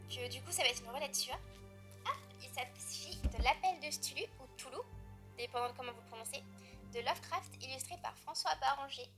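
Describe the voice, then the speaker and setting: Chatty French woman, music behind. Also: fairly high pitch. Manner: chatty, rambling, with frequent fillers and self-corrections. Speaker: book vlogger. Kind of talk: casual chat.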